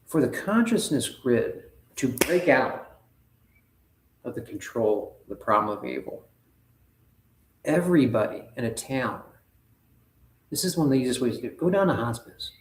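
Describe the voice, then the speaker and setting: A man hosting a live spiritual talk, speaking in an earnest, halting, rambling way. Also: mid-range voice, sing-song, echoey room. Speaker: spiritual livestream host.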